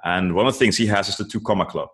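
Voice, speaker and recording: Rapid-fire and a touch bright, a man with a lowish voice talks casually as an interviewee. He sincerely hands out advice, frequently saying "like" and "you know."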